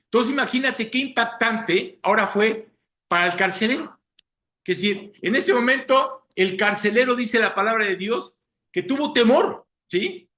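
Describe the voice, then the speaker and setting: A man's voice: high voice, normal speed, sharp tone. A man preaching a Sunday sermon, often checking in with the congregation with rhetorical questions. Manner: asks listeners rhetorical questions, frequent "¿sí?".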